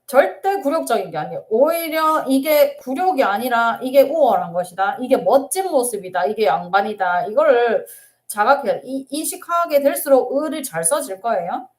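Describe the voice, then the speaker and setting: A woman's voice: a little high, lively intonation, moderate pace. A middle-aged woman counselor answering viewer questions in an earnest, emphatic live-stream talk. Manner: earnest, emphatic, laughs and tears up while sharing.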